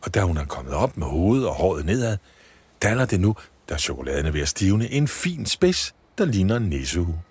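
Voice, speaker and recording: Low husky male storyteller. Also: big pitch swings, darkish tone, no room sound. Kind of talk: scripted children's story narration.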